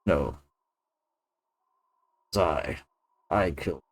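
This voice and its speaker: A man voicing a dutiful, reluctant general in a video game, speaking in a low, hushed, solemn way. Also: expressive, drawn-out words, gravelly, heavily acted. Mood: grave. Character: grave, dutiful male general, loyal and reluctant. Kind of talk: dramatic video game dialogue reading.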